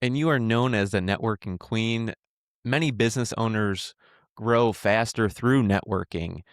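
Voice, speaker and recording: A man's voice: lowish voice, measured pace, no room sound, studio quality. Friendly man hosting a podcast. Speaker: podcast host. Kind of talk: podcast interview.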